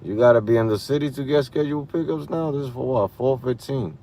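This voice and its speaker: A man's voice: mid-range voice, fast talker, mellow. A man driving for a rideshare app, tired, talking casually and muttering to himself in slangy speech as he streams live from his car. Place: inside a car at night. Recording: faint vehicle noise.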